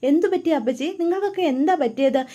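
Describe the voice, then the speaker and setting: A woman's voice: extremely high pitch, fast, dark tone, voice pushed up. Eager young woman back home, voiced by a recap vlogger.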